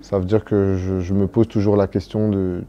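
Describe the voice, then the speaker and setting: A man's voice: deep voice, little pitch movement, normal speed, dark tone, lo-fi sound, a little hiss or hum. A young man from Cameroon, raised in Belgium, answering interview questions in a hesitant way, with many fillers and restarts. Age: young adult. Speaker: footballer being interviewed.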